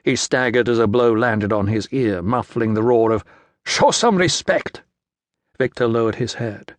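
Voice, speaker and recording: A man narrating a historical novel as an audiobook, reading in a measured, even way. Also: on the low side, no room sound. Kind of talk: scripted narration. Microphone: close studio mic.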